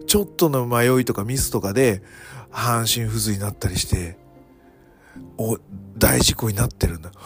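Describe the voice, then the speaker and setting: A man hosting a solo podcast, talking in a casual, dramatic way that swings from loud alarm to hushed whispers. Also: medium pitch. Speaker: podcast host reviewing wrestling shows. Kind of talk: casual monologue.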